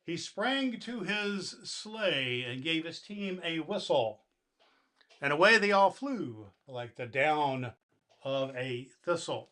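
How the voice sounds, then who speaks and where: A man playing jolly old Santa Claus as a kindly grandfatherly storyteller, reading to children with deliberate, theatrical emphasis. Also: fairly high pitch, lively intonation, bright, forceful tone, heavily acted. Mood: merry, dramatic.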